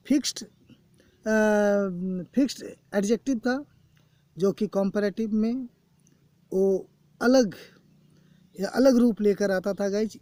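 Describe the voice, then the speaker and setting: A man teaching an English grammar lesson, explaining slowly and repeating points, often calling his students "guys". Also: sits high, warm tone, no room sound. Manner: slow, repetitive explanations, keeps saying "guys". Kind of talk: recorded classroom lesson. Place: coaching classroom.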